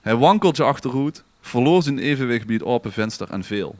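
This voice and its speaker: Here a podcast storyteller, his accent Limburgish Dutch, reads a scripted story aloud with theatrical, literary drama. The voice is mid-range, expressive and brisk, with no echo.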